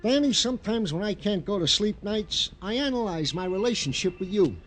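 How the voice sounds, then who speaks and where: An actor with an American accent playing an eager, bumbling police sergeant sidekick in a 1950s radio drama, fussy, wordy and stammering. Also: male voice, high-pitched, expressive, brisk, faint music behind. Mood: fawning, earnest. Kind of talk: 1950s radio comic-relief acting.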